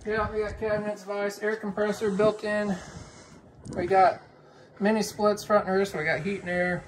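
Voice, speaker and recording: A man's voice: sits high, little pitch movement, moderate pace. A man in his forties giving a casual, matter-of-fact walkaround of his trailer outdoors, listing features in short bursts, filmed on a phone. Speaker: trailer owner showing his rig. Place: outdoors in windy open field beside trailer. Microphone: handheld phone held by companion. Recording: wind noise on phone mic.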